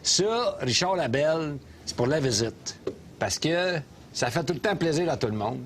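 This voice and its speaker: An actor with a Québécois accent playing a loud, opinionated middle-aged taxi driver who rants and mocks sarcastically, in a comedy sketch filmed inside a cab. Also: male voice, on the high side, lively intonation, unhurried, slight background noise. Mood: ranting. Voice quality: sarcastic ranting, mocking.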